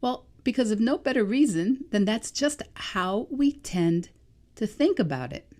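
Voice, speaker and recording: Her voice is on the high side, animated yet measured in pace, and a little mellow. She's a woman in her sixties from New England, a vegan life coach hosting a solo reflective podcast where she muses thoughtfully and questions herself.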